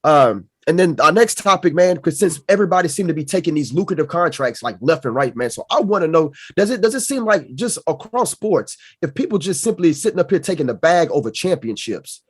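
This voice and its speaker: A man's voice: on the high side, lively intonation, a little fast, hardly any pauses, breathy edge, no echo, clean studio sound. A man hosting a casual sports podcast, slangy, leaning on "man" and "bro" as he sets up topics and asks questions. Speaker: podcast host.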